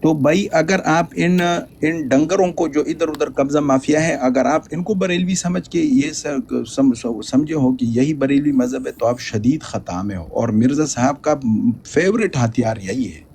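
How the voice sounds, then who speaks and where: A man's voice: on the high side, measured pace, few pauses, a little mellow, a little hiss or hum. A man giving emphatic, polemical religious commentary, often stammering and repeating words.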